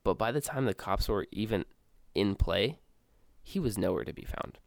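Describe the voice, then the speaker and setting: A young man co-hosts a casual podcast, rambling through his thoughts and restarting sentences as he goes. His voice sits a bit low and has a gravelly, creaky texture. The sound is dry, with hardly any room around it. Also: lively intonation, normal speed, dry recording. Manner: loose and chatty, calls his co-host dude, often restarts his sentences. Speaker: podcast co-host. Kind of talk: casual chat.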